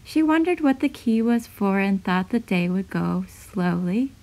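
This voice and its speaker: A woman reading her own children's picture book aloud in a gentle, clear, even storytelling voice. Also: medium pitch, unhurried, low-quality recording. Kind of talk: storybook read-aloud narration.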